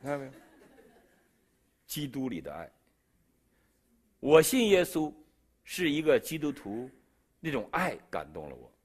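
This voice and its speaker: A man's voice: measured pace, long pauses, breathy edge. A middle-aged man from China with a Beijing accent, telling his testimony in a sermon and acting out the dialogue. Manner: animated storyteller who jumps in pitch and loudness, acting out dialogue. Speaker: preacher giving a testimony.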